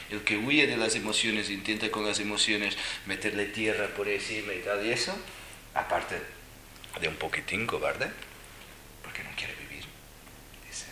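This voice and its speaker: Chatty low-voiced man teaching a class. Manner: chatty, jokey, often dropping to a soft hush. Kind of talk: informal class talk with students. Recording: echoey room with background noise.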